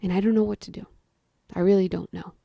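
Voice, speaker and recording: A shaken, grieving mother speaks low and subdued, as a young woman voices her in a spoken story. Her voice carries a gravelly fry, recorded dry and close. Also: steady tone, fast, mellow, no echo. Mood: upset.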